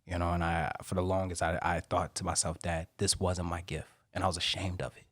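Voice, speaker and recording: A man's voice: sits low, level tone, brisk, fairly bright tone, no echo, studio quality. A man speaking as a guest on a podcast, earnest and heartfelt, opening up with plenty of emotion. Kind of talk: casual podcast interview. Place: podcast studio, in person with host. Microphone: studio microphone.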